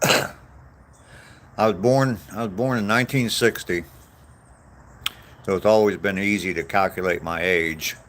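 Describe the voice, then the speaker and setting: Walking outdoors, a vlogger in his sixties reads viewer comments from live chat and responds in a casual, meandering, self-deprecating way. He speaks in a low, fairly bright voice, unhurried and pausing often, over slight background noise.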